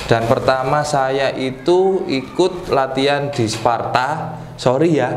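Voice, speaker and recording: Guy in his 30s, laid back and jokey, just chatting, bit of room echo. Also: medium pitch. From East Java, Indonesia. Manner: relaxed and joking, with pauses to recall. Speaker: PE teacher, guest. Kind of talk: casual interview chat. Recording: roomy echo, faint ambient noise.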